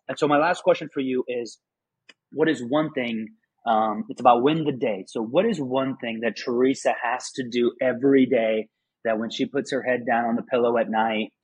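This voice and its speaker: A man's voice: medium pitch, slightly rough, no echo, dull audio. A man from Afghanistan hosting a podcast interview, friendly and a bit rambling, with frequent mm-hmms. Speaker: podcast host. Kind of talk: casual interview chat.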